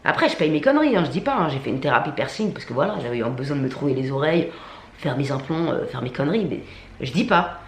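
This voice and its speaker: A woman's voice: deep voice, lively intonation, fast, a little hiss or hum. A woman vlogger telling a storytime rant to camera, indignant, slangy and full of swearing. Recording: echoey room.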